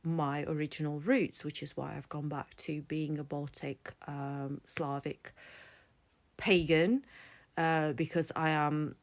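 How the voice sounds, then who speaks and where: A woman's voice: low voice, flat delivery, slow. A woman, giving an earnest, reflective personal explainer to camera as a vlogger. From Latvia. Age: 40s. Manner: earnest and reflective, thinking aloud. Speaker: vlogger and psychology student.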